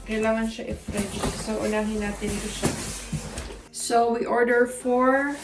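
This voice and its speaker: A woman's voice: a little high, steady tone, a little slow, heavy background noise. A woman vlogger chatting casually as she unboxes food, joking about names she can't pronounce. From Philippines. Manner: chatty, self-deprecating, stumbles over food names. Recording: roomy, distant mic, music underneath.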